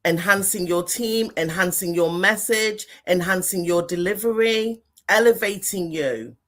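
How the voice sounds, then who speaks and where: A woman's voice: fairly low pitch, measured pace, fairly bright tone. A woman hosting a podcast interview over a video call, chatting casually and animatedly, laughing often. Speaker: podcast host.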